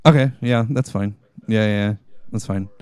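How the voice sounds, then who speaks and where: Smooth-voiced man chatting casually. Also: on the low side, moderate pace, dry recording. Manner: animated, mimics customers, laughs often. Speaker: podcast co-host. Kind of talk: casual chat.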